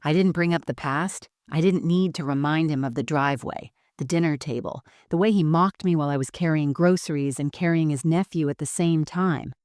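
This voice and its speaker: A woman tells a first-person story with calm, measured composure. Her voice sits on the low side and sounds dry and close, with no room around it. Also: no echo.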